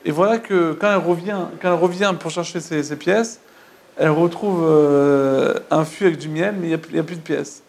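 A man with a high, gravelly voice tells old stories in a loose, spoken way. He stumbles and repeats words, restarts his sentences and turns to ask his listeners if they follow. The telling is casual and unscripted. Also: brisk, a little mellow. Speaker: storyteller. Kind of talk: casual oral retelling of religious tales.

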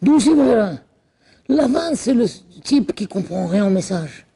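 A man leading a religious lesson who tells the stories with real animation, his voice high for a man. His pitch swings widely as he moves between narration and acted dialogue. There is a gravelly creak through his speech. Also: lively intonation, unhurried, warm tone. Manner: storytelling, acts out characters. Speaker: religious teacher.

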